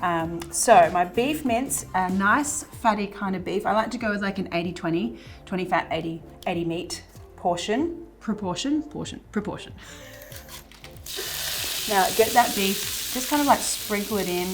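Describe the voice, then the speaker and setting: A woman hosting a relaxed cooking demonstration, chatty and playful, with a habit of laughing at herself. Her voice sits in a middle pitch. Faint music and a sizzling pan play behind her. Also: moderate pace. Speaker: cooking show host. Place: kitchen.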